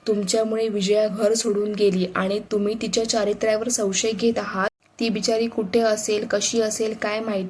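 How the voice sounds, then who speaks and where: A woman's voice: mid-range voice, darkish tone, slight background noise, close to an everyday voice. A woman voicing a young daughter-in-law who pleads and reproaches, in her everyday storytelling voice. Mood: indignant.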